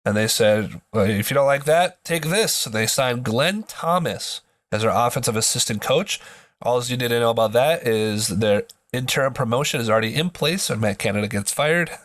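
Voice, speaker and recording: A man's voice: mid-range voice, normal speed, fairly bright tone, no echo, studio quality. A man hosting a sports podcast in casual commentary, his voice nasal from a blocked nose, as if pinching it, with joking asides.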